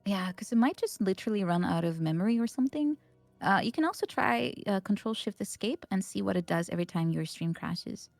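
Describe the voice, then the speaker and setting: Woman host, casual chat stream, giggly, mid pitch, dry sound. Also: lively intonation, brisk, creaky, darkish tone, no echo, faint music behind. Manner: giggly, with many laughs and restarts.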